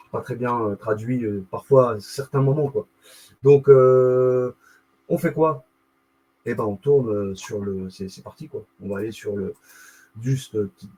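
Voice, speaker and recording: A man's voice: mid-range voice, a little mellow, a little hiss or hum, low-quality recording. A man hosting a live video, reading a text aloud and commenting on it, full of fillers, restarts and self-corrections, with wry asides.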